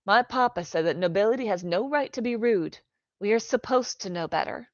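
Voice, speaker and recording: A woman voicing a brisk, kind and stubborn young noble girl, talking in a firm, proper way. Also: medium pitch, expressive, dry recording, voice pushed up, close to an everyday voice. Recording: dry, dull lo-fi recording.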